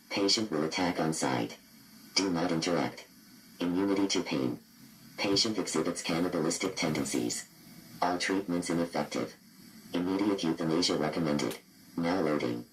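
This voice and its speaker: A deep male voice, close to ordinary speech, comes through a rough recording with a little hiss or hum. Voicing a cold, clinical computer, he reads out horror patient files in clipped, impassive fragments, a scripted horror database readout.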